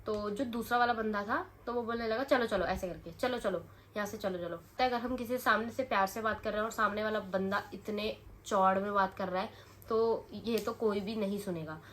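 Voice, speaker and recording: A young woman vlogging, telling a story in a chatty, animated way with many fillers and restarts. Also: mid-range voice, normal speed, a little hiss or hum. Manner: animated retelling, voices rising when quoting others. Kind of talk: casual storytelling vlog.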